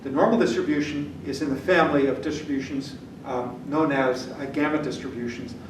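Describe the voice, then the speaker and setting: An older man, a native German speaker, lectures on statistics at a whiteboard, blunt and casual, checking in with the class often. His voice is fairly high with fairly even intonation and a slightly quick pace. The camera recording from the back of the room picks him up from far off, in an echoey, noisy classroom.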